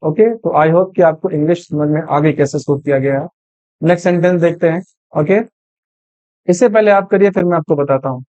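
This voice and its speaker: A man's voice: fairly high pitch, warm tone, dry recording, rough recording. Man teaching English grammar in Hindi. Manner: patient, repeats questions to students. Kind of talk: Hindi-language grammar lesson.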